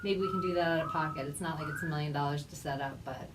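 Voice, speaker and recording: A woman's voice: deep voice, fast talker. Chatty woman co-host, distant mic. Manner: animated, laughs often. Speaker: podcast co-host. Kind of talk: casual chat. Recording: distant mic with faint ambient noise.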